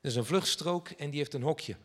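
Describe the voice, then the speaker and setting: A man preaching, telling a personal story in a lively way and acting out the dialogue. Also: a little high, brisk. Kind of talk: sermon anecdote. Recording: long hall reverb.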